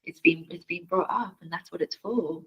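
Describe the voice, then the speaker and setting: Her voice is fairly low with a breathy edge, at a normal speed, and the audio is dull. She's a family constellations facilitator on a podcast, discussing her healing practice earnestly in a casual interview and repeating words as she searches for them.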